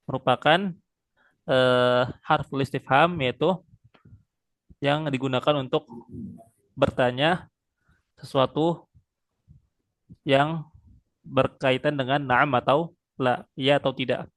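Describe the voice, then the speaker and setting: A man's voice: mid-range voice, no echo. Patient male Arabic tutor. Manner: patient, slow drilling with frequent pious interjections. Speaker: Arabic teacher. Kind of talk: online one-on-one language lesson.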